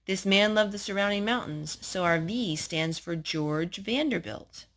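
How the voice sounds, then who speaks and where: A North Carolina woman hosts a children's storytime, reading picture books aloud and chatting with a young child through simple questions and asides. Her mid-range voice is fairly bright in tone, and she speaks a little slowly.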